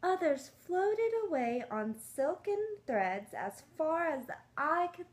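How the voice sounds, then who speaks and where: Animated high-voiced woman reading to young children. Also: slow pace. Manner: coaxing, asks the children simple questions. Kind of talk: reading a picture book aloud to young children. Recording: clearly noisy room.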